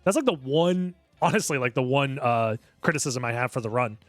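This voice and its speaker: A man's voice: medium pitch, fairly quick, dry recording. A man giving casual speedrunner commentary, explaining his play analytically, step by step. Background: music under the voice.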